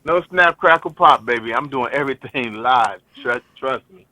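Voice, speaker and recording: A man's voice: medium pitch, normal speed, no echo, low-quality recording. A man from Cleveland, a guest singer, chatting casually and easily on a radio show. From Cleveland, Ohio. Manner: relaxed, easygoing, laughs often. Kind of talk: casual radio interview chat.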